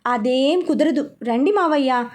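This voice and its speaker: A woman's voice: high voice, measured pace, a little mellow. A woman voicing a bold, caring young bride in a storybook reading, firm and insistent.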